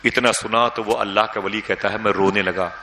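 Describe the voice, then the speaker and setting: Indian Urdu preacher with a bright ringing voice. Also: male voice, on the low side, fairly even intonation, slight background noise. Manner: dramatic storyteller, rising to loud emotional outbursts. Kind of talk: impassioned religious storytelling sermon. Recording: echoey hall sound.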